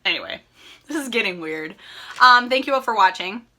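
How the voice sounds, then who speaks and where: A young woman from Minnesota, USA, hosts her cross-stitch channel, chatting casually to viewers in a rambling, upbeat, gushing way that keeps correcting itself. Her voice is a little high, expressive, bright, and forceful at a moderate pace, though slightly worn as she's losing it a bit. There's slight background noise.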